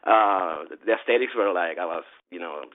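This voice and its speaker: A man from Venezuela with a Venezuelan Spanish accent, talking in a rambling, animated way in a casual interview, often restarting and laughing. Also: low voice, normal speed. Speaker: event organizer. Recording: tinny phone-like line.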